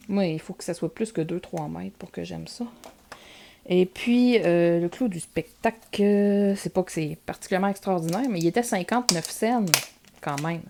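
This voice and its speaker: Chatty Québécois woman, gravelly voice. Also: lowish voice, warm tone, a little hiss or hum. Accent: Québécois French. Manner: chatty, lots of filler words. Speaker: vlogger showing purchases. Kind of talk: casual show-and-tell vlog.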